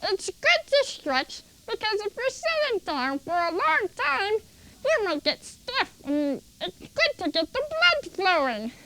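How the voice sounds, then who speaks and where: Woman voicing a squeaky kid-show character, very high, slow and deliberate, bright and sharp. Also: very animated, heavily acted, poor audio. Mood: cheery. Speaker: kids' show co-host. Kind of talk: children's TV acting.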